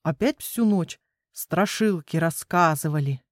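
A teasing father raccoon from a storybook, voiced by a woman, lowering his voice to spin a mysterious tale. He speaks slowly and knowingly. The sound is dry and close. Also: no room sound.

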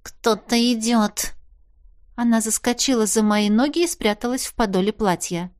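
A woman narrates a first-person audiobook in a wry, expressive reading. Her voice sits high. She reads with dry humour. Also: a little fast.

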